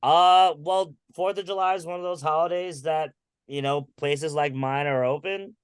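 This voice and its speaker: A man's voice: a little high, fairly even intonation, moderate pace, clear, resonant tone. A man co-hosting a podcast in casual chat, easygoing and agreeable. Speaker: podcast co-host.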